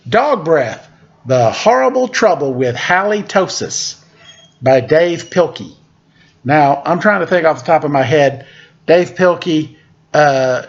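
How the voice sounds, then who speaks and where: For story time, a man reads a picture book aloud in a playful, unhurried way, pausing now and then to make casual comments about the pictures. His voice is a little high, and the sound is lo-fi.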